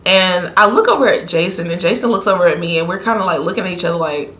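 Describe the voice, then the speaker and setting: A young woman, telling a casual story time in a chatty, animated way full of fillers. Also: on the low side, quick pace. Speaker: vlogger. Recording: roomy echo.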